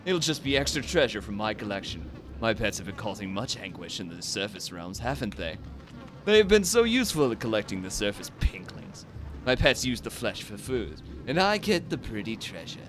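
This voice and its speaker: A man's voice: fairly low pitch, very animated, moderate pace. A man voicing an unhinged, gloating underground villain from a fantasy game, reading the dialogue in character. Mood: gloating menace. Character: unhinged gloating villain, underground creature who hoards treasure. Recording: loud ambient game noise behind.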